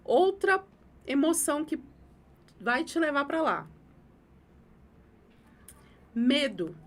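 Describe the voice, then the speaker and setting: A woman's voice: high-pitched, sing-song, slow. A woman, hosting a live talk on emotions, emphatic and repeating phrases for effect. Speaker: host giving advice on emotions.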